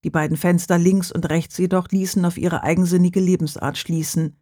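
An audiobook reader narrating a crime novel in a calm, steady way. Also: medium pitch, a little fast, dry recording, clean studio sound.

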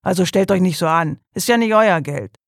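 A man voicing a gruff village policeman who barks blunt orders. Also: sits high, fairly quick, no room sound, studio quality. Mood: scolding. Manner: loud, blunt, barking. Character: gruff loudmouthed male village cop.

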